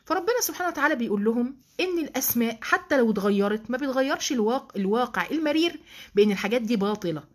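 Fast-talking Egyptian woman teaching religion. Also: fairly high pitch, animated, a little mellow. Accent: Egyptian Arabic. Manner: rhetorical questions, checks in with listeners; emphatic, affectionate asides. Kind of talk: religious lesson.

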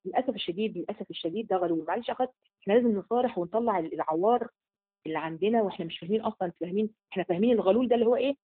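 A woman's voice: mid-range voice, very fast, slightly rough. A woman with an Egyptian Arabic accent giving a religious lesson to women, in colloquial speech that poses rhetorical questions and answers them. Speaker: religious teacher. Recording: phone-like narrow sound.

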